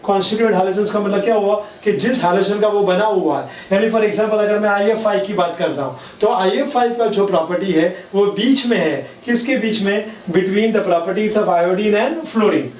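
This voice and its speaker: A man with an Indian accent teaching chemistry, dictating key points slowly and word by word and switching between Hindi and English mid-sentence. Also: high voice, darkish tone. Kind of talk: classroom lecture. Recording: echoey room, mic at a distance.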